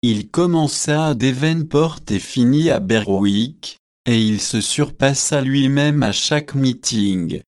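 A man narrates a classic novel as an audiobook. His reading is slow and deliberate, and his voice sits at an ordinary middle pitch.

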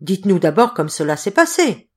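A woman reading an audiobook, voicing a shrewd male examining magistrate who speaks in a measured, authoritative way. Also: medium pitch, big pitch swings. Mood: coaxing.

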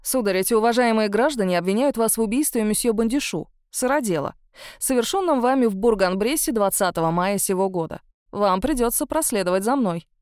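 A woman's voice: mid-range voice, brisk, smooth, no room sound, studio quality, close to an everyday voice. A woman voicing a senior police officer who speaks formally and indifferently. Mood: detached. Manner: formal, flat, commanding.

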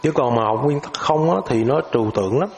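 A man explains a lesson in a loose, informal way. He hesitates often and repeats filler words while he searches for the next point. His voice sits at an ordinary middle pitch, with a faint hiss underneath. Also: fast talker, darkish tone. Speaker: teacher.

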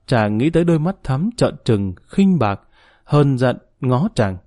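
A man reading a novel aloud in a steady, measured storytelling voice. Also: mid-range voice, no room sound, clean studio sound. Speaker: narrator. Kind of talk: audiobook narration.

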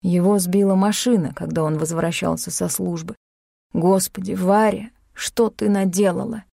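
A woman's voice: fairly low pitch, fairly even intonation, gravelly, mellow, dry recording, clean studio sound. A woman doing a shaken, frightened man. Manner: shaken, halting, pleading. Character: frightened nervous middle-aged man, doctor.

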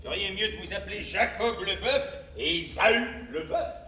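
A cocky, highish-voiced army recruiter, echoey. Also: male voice, animated, measured pace, bright, forceful tone, heavily acted. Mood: taunting, swaggering. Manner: goading, swaggering. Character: cocky, taunting male army recruiter, swaggering. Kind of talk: theatrical stage acting. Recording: echoey theatre, distant mic, faint noise.

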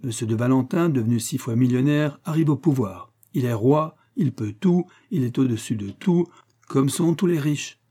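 A man reading the part of a boastful, grandiose rich banker toasting gold in an audiobook, declaiming loudly. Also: mid-range voice, normal speed, breathy edge, close to an everyday voice.

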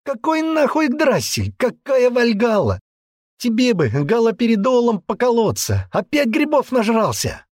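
A man voicing a defiant, sharp-tongued young woman who shouts insults in a high, strained voice in an audiobook. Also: huge pitch swings, moderate pace, dry recording, studio quality, exaggerated voice. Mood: shouting. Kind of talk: audiobook character voice.

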